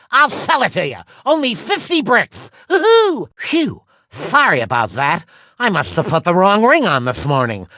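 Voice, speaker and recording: A man's voice: high voice, pushed and bright, no echo, full character voice. A man voicing a vain, cowardly cartoon duck superhero in a video game, with a slushy lisp and a bombastic, wisecracking manner. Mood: greedy, manic, then sheepish, sly. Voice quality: wet lateral lisp, slushy sibilants.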